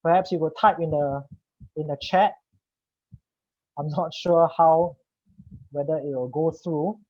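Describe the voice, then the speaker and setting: A man's voice: fairly high pitch, steady tone, a little slow, a little mellow, no echo. A man from Singapore leading an online workshop, explaining patiently and checking in with his listeners as he goes. His voice comes through a dull, lo-fi video call with a dry, close sound. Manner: explanatory, addresses the audience with "right?". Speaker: communication coach presenting a webinar. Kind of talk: webinar presentation.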